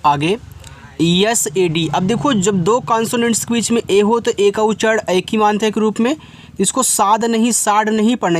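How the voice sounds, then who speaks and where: High-voiced man teaching by spelling words aloud. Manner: spells out words letter by letter, then asks and answers himself; informal, addresses students directly. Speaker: English teacher. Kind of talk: spoken classroom lesson.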